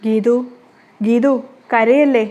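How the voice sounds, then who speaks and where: A middle-aged mother full of secret grief speaks between tears in a soap-serial recap, as a woman narrator reads her lines. Her tone turns firm and dismissive as she insists, and her voice sits slightly high. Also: steady tone, slow pace, warm tone, dull audio. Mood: tearful. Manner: tearful, then firm and dismissive. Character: grieving middle-aged mother, secretive, loving yet stern.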